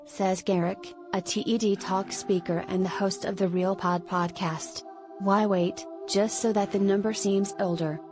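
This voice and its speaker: A woman reads a scripted celebrity news piece aloud at a measured pace, her middling-pitched voice carrying a darkish tone while music plays behind her.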